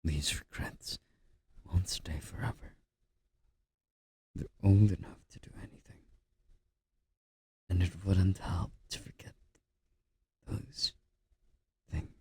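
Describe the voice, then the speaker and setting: A man doing a whispered role-play as a comforting boyfriend, speaking in a soft, breathy, intimate murmur with a husky, gravelly edge, close to the microphone. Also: low voice, steady tone, no room sound. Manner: slow, gently reassuring boyfriend-style comforting.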